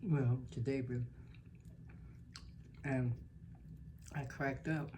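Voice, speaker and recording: A woman with a strikingly low voice tells a casual story in a chatty way. She livens up when quoting others. There is clear background noise in the homey recording. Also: steady tone, very slow. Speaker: mukbang vlogger.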